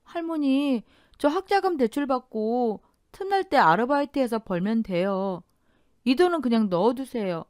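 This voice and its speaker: A woman's voice: a little high, animated, moderate pace, darkish tone, no room sound, studio quality, pitched above the performer's own voice, lightly acted. A woman voicing an outspoken teenage granddaughter who pleads and stands up to her father in an audio drama. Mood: pleading. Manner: pleading, defiant.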